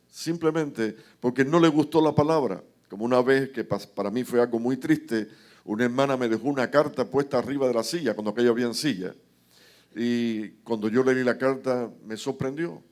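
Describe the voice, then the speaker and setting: Male pastor, mid-pitched voice, impassioned sermon delivery, dramatic retelling of scripture. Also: fairly quick, darkish tone. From Cuba. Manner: rhetorical asides to the congregation.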